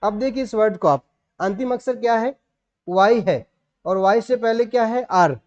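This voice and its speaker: Man, rajasthani indian accent, grammar teacher, spells out letters, high voice, dull lo-fi audio. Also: darkish tone. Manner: slow, spells words out letter by letter. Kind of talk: online classroom lesson.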